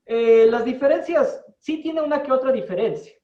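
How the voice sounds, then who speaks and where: A man teaching an English class in Spanish, explaining slowly and deliberately and checking in with his students. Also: extremely high pitch, mellow. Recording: distant, roomy, dull-sounding.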